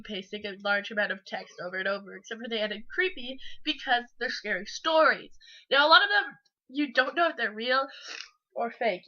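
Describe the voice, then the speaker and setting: A woman's voice: on the high side, bright, forceful tone. A sick woman with a congested, stuffy nose, hosting and reading scary stories in a giggly, mock-dramatic way. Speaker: channel host. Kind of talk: dramatic comic story reading. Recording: muffled lo-fi home recording.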